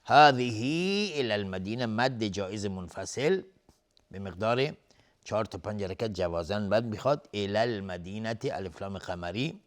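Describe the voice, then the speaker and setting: In a television studio, a man with a fairly low voice teaches tajweed. He chants verse phrases slowly and at length, then quickly explains the pronunciation rules, sometimes fading into a whisper.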